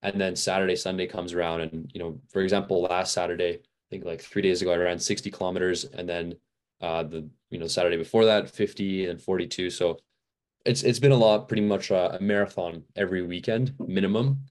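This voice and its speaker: A young man with a very low, deep voice, chatting as a podcast guest. He rambles easily with lots of "like" and "uh," a touch worn out from training. Relaxed and unscripted. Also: fairly quick. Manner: rambling, many fillers and restarts. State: a little fatigued. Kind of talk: casual interview chat.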